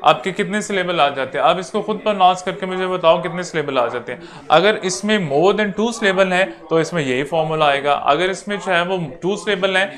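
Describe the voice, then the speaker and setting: A man with a Pakistani accent teaching an online exam-prep English lecture, explaining slowly, repeating points and checking that students follow. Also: high-pitched, a bit bright.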